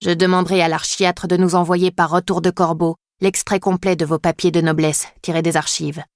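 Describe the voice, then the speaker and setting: A woman's voice: fairly low pitch, level tone, brisk, no echo, studio quality, natural voice. A woman voicing a stern, arrogant male riding master in an audiobook, speaking in curt, commanding tones. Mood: haughty.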